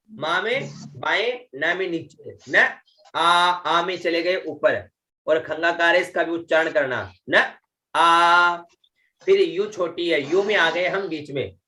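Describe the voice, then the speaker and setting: A man teaching Vedic chanting in an online lesson. He draws out each syllable slowly and patiently explains how to pronounce it, often checking in with the listener. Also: high voice, bright, forceful tone. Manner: slow, drawn-out syllables with chanted demonstrations.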